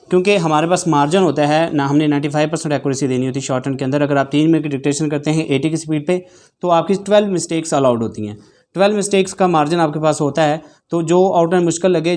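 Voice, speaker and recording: A man teaching shorthand, reading news text aloud very slowly for dictation with the punctuation spoken out, then explaining practice tips to students. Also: on the high side, darkish tone. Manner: dictates very slowly, one phrase at a time; brisk, instructive talk to students.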